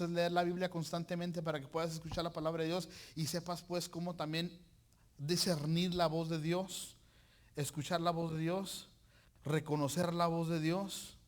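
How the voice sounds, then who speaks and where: Lively preacher with a raised voice. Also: male voice, fairly high pitch. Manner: animated, joking, uses colloquial slang. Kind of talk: sermon.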